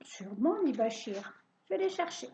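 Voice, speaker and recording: Woman doing a calm, friendly shopkeeper man. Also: fairly high pitch, moderate pace.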